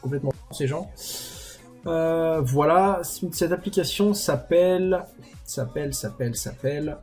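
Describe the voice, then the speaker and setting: A young man walks viewers through a setup in a loose, chatty tutorial. He drops crude slang and pokes fun at himself. His voice sits a little high, with faint music underneath. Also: unhurried, darkish tone. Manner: chatty, crude slang, self-mocking asides. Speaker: YouTuber tutorial host. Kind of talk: casual screen-recorded tutorial.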